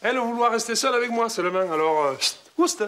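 A man's voice: very high voice, expressive, fast talker, a bit bright. An actor playing a flustered, eager man who talks hesitantly, in a sitcom. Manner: hesitant, full of euhs. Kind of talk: sitcom acting.

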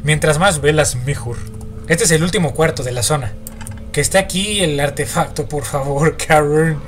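A man's voice: a little high, normal speed, faint music behind. A young man with a Mexican accent giving horror game commentary, jumpy and swearing as he talks to himself and his viewers. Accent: Mexican Spanish. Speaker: gaming YouTuber.

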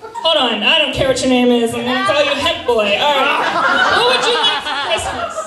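High-pitched young woman, sassy stage host, teasing comic banter, echoey theatre, distant sound. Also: animated, normal speed. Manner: projecting to a crowd. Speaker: burlesque revue host. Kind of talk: improvised comic stage banter with audience volunteers. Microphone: handheld microphone through PA, picked up from afar. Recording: echoey theatre, distant camera, loud crowd noise. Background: laughing, noisy audience.

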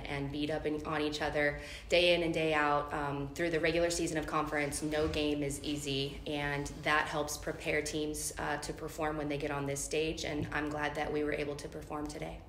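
A woman's voice: deep voice, flat delivery, brisk, few pauses, fairly bright tone. A middle-aged woman, a head coach, speaking earnestly at a postgame press conference with frequent ums. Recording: echoey room, faint noise.

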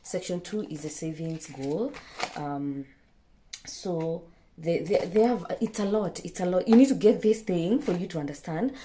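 A young Kenyan woman vlogging from her bedroom, casually showing a planner and pausing with fillers as she pages through it. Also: fairly low pitch, mellow, a little hiss or hum. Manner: chatty, unhurried, pauses with fillers while leafing through a planner. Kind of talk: casual product show-and-tell. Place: bedroom, indoors.

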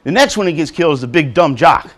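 A man giving a lively, joking motivational talk to nursing assistants, acting out quotes as he goes. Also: a little high, quick pace. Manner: animated, joking, acts out quotes. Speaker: motivational speaker. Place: college hall before an audience.

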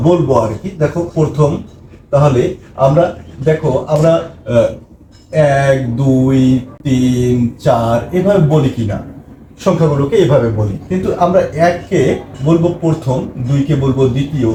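A man teaching a math lesson for young children, patient and repetitive, counting slowly with fillers. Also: a little high, warm tone. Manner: patient, repeats words, slow counting with fillers. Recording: echoey room with faint noise.

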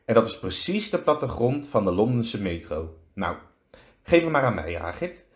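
An old, wise wizard headmaster, as a man puts him on, his voice low and quiet, unhurried and calm. A storybook figure in a read-aloud. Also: roomy sound.

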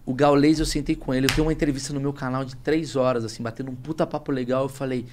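A man's voice: medium pitch, steady tone, racing, darkish tone, slight background noise. A man in his thirties from Brazil, a podcast guest telling stories with emotion and plenty of slang in casual chat. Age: 30s. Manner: emphatic, emotional storytelling with heavy slang.

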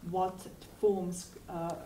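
A woman in her forties draws out her words in a low, flat voice while giving a halting academic panel answer full of fillers and restarts in a university seminar room. Picked up by a far room mic, the audio is echoey and the background noisy.

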